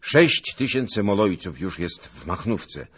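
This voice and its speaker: A boyish young soldier with a ringing, half-childish voice, delivering news in a storybook reading, as a man puts him on. The tone is slightly husky and the pitch moves freely. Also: very animated, a little slow, a bit bright, full character voice. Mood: reporting.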